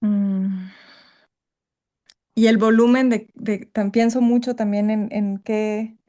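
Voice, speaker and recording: A woman's voice: mid-range voice, flat delivery, slow, warm tone. A woman sharing her experiences on a group video call. She is emotionally stirred and searches for words as she speaks, frank and reflective. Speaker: workshop participant. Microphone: video call microphone.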